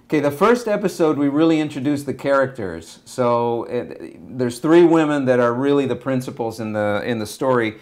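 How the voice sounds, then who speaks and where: An Argentine director in his forties, a native Spanish speaker, talks as a guest in a casual interview, calm and relaxed at a medium pitch. He speaks slowly and in a measured way, often hesitating with "uh" while choosing his words. A camera across the table recorded him in a small indoor room.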